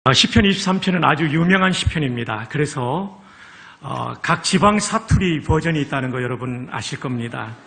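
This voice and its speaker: A man from Chungcheong in Korea introduces a dialect reading with a high, bright voice. He talks casually, with easy fillers. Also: animated, moderate pace, vocal fry. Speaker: dialect reader in a video.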